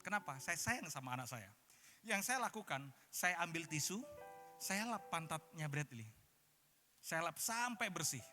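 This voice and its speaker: Male pastor, high bright tone, lively sermon storytelling, reverberant conference hall. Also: unhurried. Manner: animated storytelling, switching into English phrases. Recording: echoey conference hall with music.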